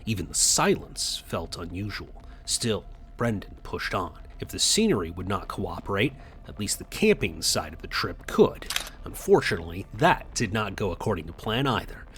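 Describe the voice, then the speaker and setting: A man reading scripted documentary narration in a measured, suspenseful tone. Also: low-pitched, big pitch swings, a bit bright.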